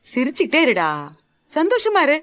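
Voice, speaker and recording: A woman's voice: high-pitched, very animated, normal speed, a bit bright, no room sound. A woman voicing a caring woman who coaxes a crying young man to smile in a dubbed serial. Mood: coaxing. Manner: coaxing, cheerful, soothing.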